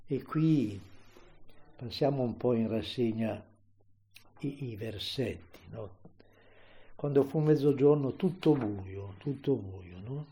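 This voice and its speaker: A man preaching a slow, reflective sermon, often adding tag questions and rising to impassioned emphasis. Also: mid-range voice, warm tone. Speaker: priest.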